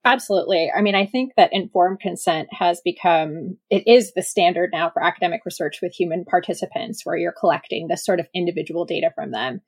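Researcher guest, woman, husky low voice, dry close recording. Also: fairly quick, hardly any pauses, no room sound. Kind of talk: interview answer.

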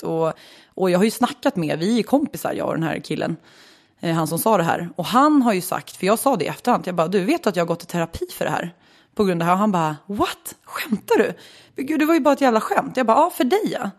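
Candid Swedish woman telling a story. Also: lowish voice. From Sweden. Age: 20s. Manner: candid, swears freely, animated retelling. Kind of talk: casual storytelling chat.

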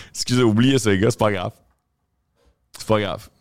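Man, Quebec French accent, comedian guest, low voice, casual swearing, dry close mic. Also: normal speed, dry recording. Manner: swears casually, laughs, animated storytelling. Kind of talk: casual podcast chat.

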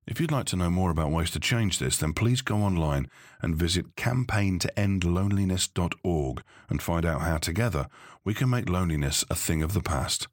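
A man from the United Kingdom, a podcast host, reading a scripted outro in a measured way. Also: low voice, dry recording, studio quality. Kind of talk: scripted narration.

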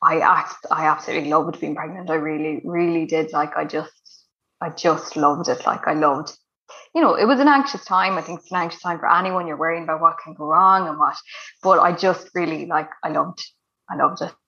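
A woman's voice: low voice, a little fast, sharp tone, lo-fi sound. A woman with a west of Ireland accent telling her own story casually as an interview guest, chatty and emphatic, repeating words to stress them.

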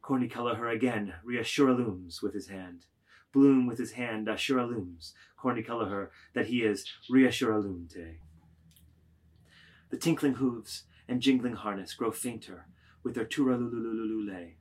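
A man with a medium-pitched voice narrates a literary work, reading its stage directions aloud with measured, deliberate phrasing.

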